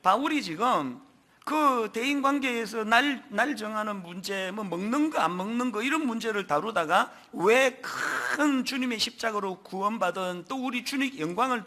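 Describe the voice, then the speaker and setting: A middle-aged man delivers an earnest sermon from a church pulpit. His voice sits high and bright, swinging widely in pitch as he poses rhetorical questions and reads scripture aloud. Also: animated, moderate pace. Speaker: pastor. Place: church sanctuary.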